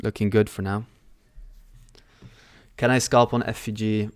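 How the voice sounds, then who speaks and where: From a small room, a young trading livestream host born in London reads out chat questions on a headset mic and answers them in a relaxed, offhand way. He has a lowish, smooth voice, a flat delivery and an unhurried pace. The sound is studio quality, without echo.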